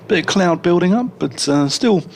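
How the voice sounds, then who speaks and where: A man's voice: sits high, lively intonation, moderate pace, gravelly, a little hiss or hum. A man commentating on cricket, chatting and joking between deliveries in a rambling way. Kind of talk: radio cricket commentary with chat.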